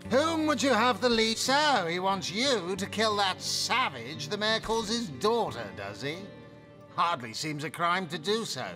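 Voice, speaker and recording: Disdainful male captain for fantasy game: sardonic, haughty, high voice, animated, music behind. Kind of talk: fantasy video game acting.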